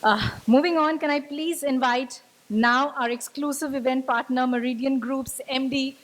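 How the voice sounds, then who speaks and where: A woman's voice: high voice, little pitch movement, moderate pace, poor audio. A woman hosting a business event on stage, thanking the speaker and politely announcing the next guest, with hesitant fillers. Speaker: event emcee.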